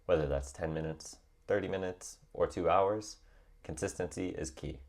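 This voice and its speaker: A young man calmly and encouragingly narrating a scripted tutorial on learning a language. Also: low-pitched, moderate pace. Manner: calm, encouraging and reassuring.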